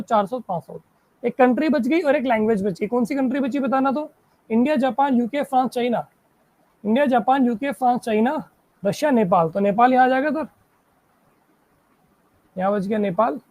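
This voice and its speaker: In a dry recording, a woman whose voice is on the high side yet darkish in tone runs a live online reasoning class. She's forever checking that students understand, offering praise and asking if things are clear. English questions are read slowly, followed by explanations in Hindi.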